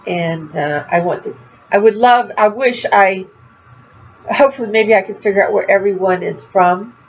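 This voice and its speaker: An older Florida woman who vlogs about crochet chats casually to the camera in a mid-range voice at a moderate pace, and the recording sounds muffled. She rambles a bit and laughs at herself, her nose stuffy, with a slight cough now and then.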